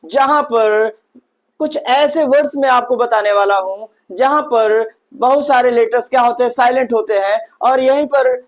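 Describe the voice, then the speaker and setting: A man's voice: very high voice, moderate pace. A man teaching an online lesson, who repeats each point and asks and answers his own questions. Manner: repetitive, addresses listeners as brother. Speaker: English teacher.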